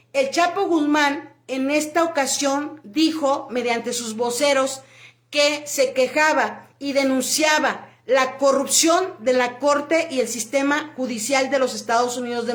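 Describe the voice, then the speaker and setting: A woman's voice: sits high, echoey room. A woman from Mexico giving an emphatic opinion monologue about immigration, full of rhetorical questions and fillers. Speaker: immigration commentator.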